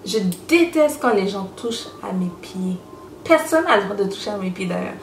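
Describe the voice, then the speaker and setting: A young woman with a Quebec French accent chatting to camera in an animated way, slipping English words into her talk. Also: medium pitch, moderate pace, a little hiss or hum. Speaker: vlogger. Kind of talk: casual chat to camera. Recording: echoey room with music behind.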